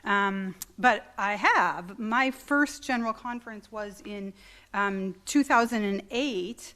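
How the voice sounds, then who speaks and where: A woman's voice: medium pitch, takes it slowly, sharp tone. A middle-aged woman, a church conference delegate, giving an informal talk to a meeting with many ums and restarts. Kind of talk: informal presentation. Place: meeting hall.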